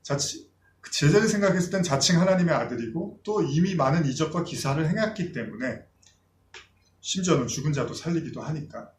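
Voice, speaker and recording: Korean pastor preaching in an echoey hall. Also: male voice, fairly high pitch, lively intonation, a little fast, slight background noise. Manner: conversational preaching, acts out quoted voices. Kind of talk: sermon.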